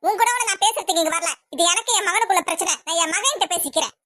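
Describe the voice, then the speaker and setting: Brief: woman playing a stern, commanding mother in a cartoon, high-pitched, dry close sound. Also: fast, sharp tone, dry recording. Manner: firm, commanding. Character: stern middle-aged mother defending her daughter.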